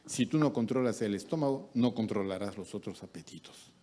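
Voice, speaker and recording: A middle-aged man, a pastor delivering a sermon who acts out the voices he quotes. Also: brisk. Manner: lively, acts out quoted voices with big pitch jumps.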